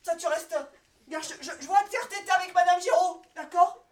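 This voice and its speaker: High-pitched woman comic, rambling stop-start delivery, heard from a distance in a roomy space. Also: brisk. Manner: rambling, stammering and restarting, breaking into laughs. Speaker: comic performer. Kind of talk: improvised comedy monologue and one-sided phone sketch. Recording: roomy and off-mic.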